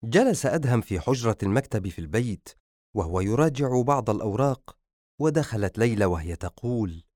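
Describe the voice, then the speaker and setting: A male narrator reads a novel aloud for an audiobook. His voice is fairly low but moves freely in pitch, and the recording is dry. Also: expressive, brisk, a little mellow, no room sound.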